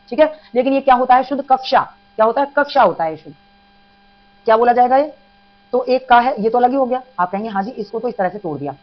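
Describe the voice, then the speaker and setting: A woman teaching an exam-prep Hindi grammar lesson, patiently repeating examples and addressing students as children. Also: fairly high pitch. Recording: dull lo-fi sound with mains hum.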